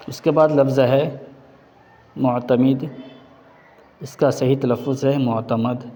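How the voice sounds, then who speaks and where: A man teaching word pronunciation, saying each word slowly and deliberately. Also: medium pitch, mellow. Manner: slow, deliberate word-by-word enunciation. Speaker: language teacher. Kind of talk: pronunciation lesson. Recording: long hall reverb.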